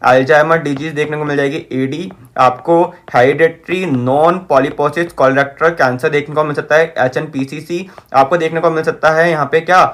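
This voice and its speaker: A man's voice: fairly high pitch, a bit bright. A man teaching a lecture at a whiteboard. He speaks, repeats key terms and keeps checking with the class.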